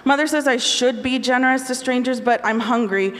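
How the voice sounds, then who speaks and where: A woman's voice: high-pitched, fairly quick, a bit bright, long reverb tail. A woman author reading the lines of a bold, flustered young princess in her own novel, with brash joking delivery.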